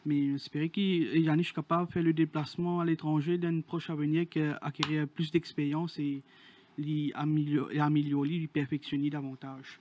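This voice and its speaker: A man's voice: a little high, flat delivery, normal speed, a little mellow, muffled recording, a little hiss or hum. A man co-hosting a racing show, reading out award winners with many hesitations. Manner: hesitant, many fillers while reading a list. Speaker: horse racing show co-host.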